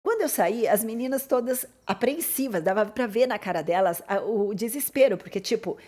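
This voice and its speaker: A Brazilian woman with a Brazilian Portuguese accent, a life coach telling a personal story in an animated, expressive way. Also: normal speed. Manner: animated and expressive, pitch and loudness swinging as the story builds.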